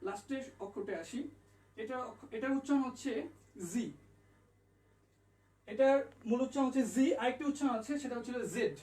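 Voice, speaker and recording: A man's voice: very high-pitched, steady tone, quick pace, darkish tone. A man teaching an online language lesson, patiently repeating and spelling out each letter sound. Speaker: English tutor. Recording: echoey room, mic at a distance.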